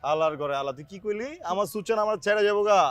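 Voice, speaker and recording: Guy acting as a loud cocky old neighborhood lover boy, high voice, talks fast, music under it. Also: dry recording, natural voice. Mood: scolding. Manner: loud, swaggering, bullying. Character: brash lovesick young neighborhood man. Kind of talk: TV drama acting.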